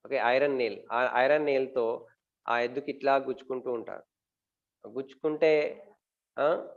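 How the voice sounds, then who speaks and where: A man with a slightly high voice talks to an audience about marriage, asking questions and answering them himself. He pauses often, uses fillers, and repeats words. The audio is dull.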